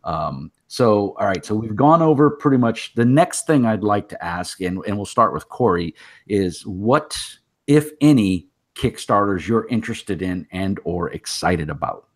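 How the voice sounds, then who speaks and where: A man's voice: fairly low pitch, animated, measured pace. A man, hosting a casual interview and teasing his guests with jokes and laughs. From Texas. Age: 50s. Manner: joking, teasing, laughs often. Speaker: host.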